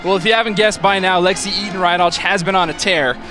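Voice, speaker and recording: An American man hosting a sports broadcast as play-by-play announcer, with a warm, welcoming, polished delivery. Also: sits high, steady tone, quick pace, music in the background.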